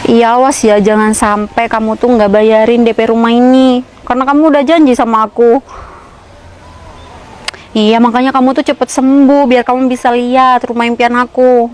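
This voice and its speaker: A woman's voice: on the high side, a little mellow, a little hiss or hum, close to an everyday voice, rough recording. An actress playing a pushy young woman who chats to herself and presses her boyfriend on the phone to keep his promise to pay. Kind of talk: short film acting.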